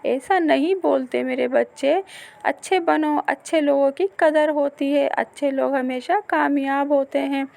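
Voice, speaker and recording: A woman's voice: high voice, fairly even intonation, unhurried, gravelly, darkish tone, pitched above the performer's own voice. A woman voicing a kind mother sparrow in a cartoon story, soothing and advising her son. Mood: gentle.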